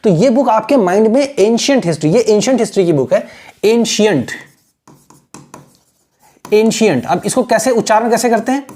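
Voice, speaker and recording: Teaching a language over screen share, this man sounds high-pitched, animated and mellow, moving at a quick pace with few pauses. He drills pronunciation one syllable at a time, patiently goes over points again, checks on the viewer, and slips English phrases into what he explains.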